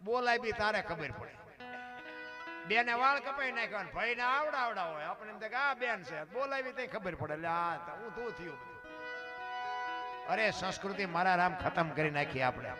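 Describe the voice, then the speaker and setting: A man with a high, ringing voice and a Kathiawadi Gujarati accent preaches a dayro talk from a stage. He is emphatic and moralizing, drops into quiet asides, then builds to loud declamation. Instrumental music plays clearly beneath his voice. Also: lively intonation, normal speed. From Gujarat, India. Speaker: folk dayro speaker. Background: instrumental music playing under the talk.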